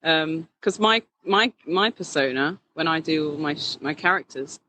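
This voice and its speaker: Bright, animated woman chatting freely. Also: low voice, moderate pace, rough recording. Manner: animated and laughing, with many restarts. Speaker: drag king performer, guest. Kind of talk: casual interview chat.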